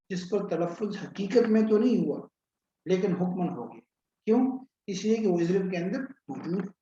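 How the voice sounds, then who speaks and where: A man's voice: high-pitched, mellow. A male teacher giving a patient lesson, repeating and explaining each point step by step and asking questions. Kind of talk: classroom lecture on grammar. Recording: echoey room, dull lo-fi sound with faint hiss.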